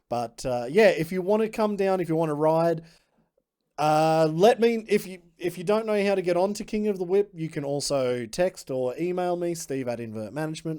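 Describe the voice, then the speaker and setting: A man's voice: a little high, dark tone. A middle-aged man from Australia hosting a podcast, giving a chatty, upbeat rundown of news and reading out results. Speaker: podcast host. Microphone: podcast microphone.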